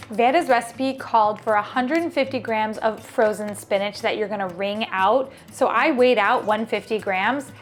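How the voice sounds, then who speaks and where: A woman hosting a casual cooking vlog, chatty and upbeat, thinking aloud as she cooks. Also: a little high. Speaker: cooking video host.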